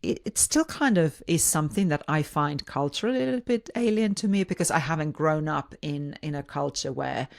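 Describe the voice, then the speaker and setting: Here a Finnish-accented woman hosts a solo podcast in a low, lively voice with vocal fry, talking a little fast and barely pausing. Her casual delivery is hesitant, with words repeated and sentences reworked midway.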